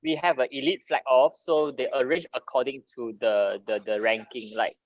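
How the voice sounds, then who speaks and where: A man's voice: medium pitch, steady tone, moderate pace, dry recording. A man as an interview guest, explaining in loose run-on sentences with many fillers over a remote call line that keeps breaking up. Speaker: interview guest, tower runner. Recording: dull, dry remote call audio.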